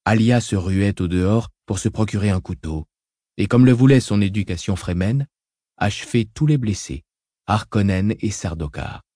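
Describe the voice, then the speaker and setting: A man narrates a story in a measured, dramatic way. His voice sits on the low side, and the recording is close and dry, with no room sound. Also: mellow, dry recording. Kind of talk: scripted audiobook narration.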